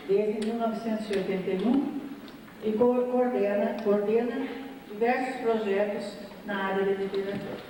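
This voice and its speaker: A woman with a Brazilian accent, the host, reading out a formal introduction of the speaker in a measured way with small slips. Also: medium pitch, mellow. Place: large hall with audience. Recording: echoey hall, distant mic, background noise.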